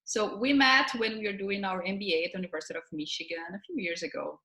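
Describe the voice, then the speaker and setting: A woman's voice: medium pitch, quick pace, pushed and bright, echoey room, rough recording. A woman in her thirties hosting a videocast, friendly and conversational, talking with a guest over a video call from home. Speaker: host. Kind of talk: remote video interview.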